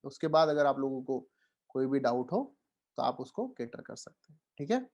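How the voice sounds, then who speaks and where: A man's voice: medium pitch, normal speed, darkish tone. A man with an Indian accent teaching an online lecture. He mixes Hindi and English, keeps checking in with "theek hai", and reassures his students.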